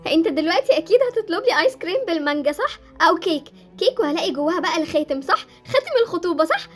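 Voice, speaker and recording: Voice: very high voice, sing-song, racing, soft background music. A young performer with an Egyptian accent voicing Jessie, a clingy, dramatic girl in a Roblox roleplay series. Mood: excited.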